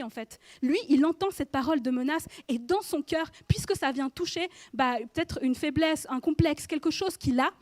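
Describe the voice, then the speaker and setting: A woman's voice: high-pitched, dry recording. A woman in her thirties giving an informal sermon in church, chatty and speaking directly to the listener with frequent questions. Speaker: preacher.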